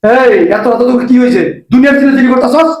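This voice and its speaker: A man's voice: very high voice, fairly even intonation, fast, darkish tone, roomy sound, poor audio. An actor playing a bossy, scornful father-in-law who scolds and insults. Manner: scolding and insulting, repeats himself.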